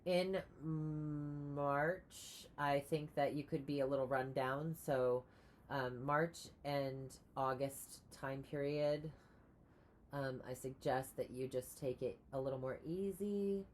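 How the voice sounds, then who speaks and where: A woman giving a casual tarot reading, rambling with many pauses and restarts. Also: very deep voice, a little mellow, a little hiss or hum. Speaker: tarot reader.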